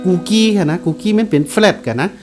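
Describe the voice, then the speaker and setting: A man giving a casual guitar lesson, explaining slowly and repeating note names as he plays. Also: sits high, lively intonation. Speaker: guitar teacher. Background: guitar played along.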